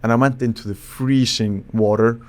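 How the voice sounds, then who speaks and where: A man from Iceland, a psychologist guest on a podcast, explaining in a thoughtful, halting way with frequent restarts. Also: mid-range voice, fairly even intonation. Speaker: psychologist and charisma expert guest. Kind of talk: casual podcast interview.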